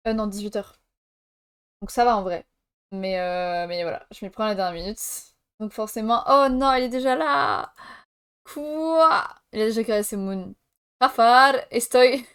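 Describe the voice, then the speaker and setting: A woman's voice: mid-range voice, smooth. A young woman live-streaming from France, chatting casually with viewers and laughing while she jokes in mock Spanish.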